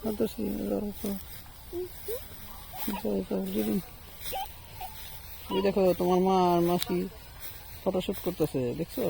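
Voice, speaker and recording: A man, gently coaxing and soothing a small child in simple, repeated phrases while outdoors in rural fields. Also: high voice, little pitch movement, measured pace, vocal fry, pauses often, crowd noise. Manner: coaxing, gentle, repetitive baby talk to a toddler. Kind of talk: casual family vlog.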